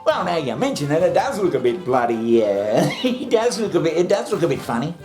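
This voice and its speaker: A man's voice: on the high side, big pitch swings, a little fast, darkish tone. A man on a casual comic rant, blunt and sweary, full of fillers and chuckles. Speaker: commentator on the show. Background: music.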